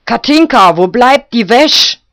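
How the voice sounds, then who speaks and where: Man putting on a shrill scolding old village woman. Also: animated, slow pace, bright, forceful tone, no echo, clean studio sound, exaggerated voice. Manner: screeching, nagging calls. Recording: slightly muffled lo-fi recording.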